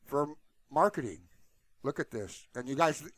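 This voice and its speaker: Into a close mic with no echo, a tutorial-channel host speaks at a measured pace in an expressive, medium-pitched, slightly bright voice. He rambles off the cuff in a casual, blunt and colloquial style while sharing his screen.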